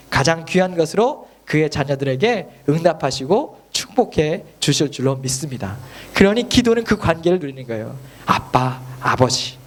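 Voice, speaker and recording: Man, pastor, sermon, high voice, animated pitch, emphatic, rhetorical questions to the congregation. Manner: keeps checking in with the congregation through rhetorical questions; earnest and emphatic.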